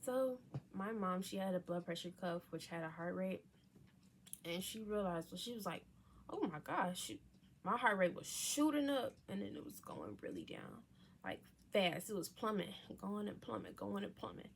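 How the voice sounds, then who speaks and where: A woman's voice: mid-range voice, animated, normal speed, creaky, a little hiss or hum. Candid young woman telling her story. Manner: candid and profane, dropping into whispers for asides. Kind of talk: casual personal storytelling.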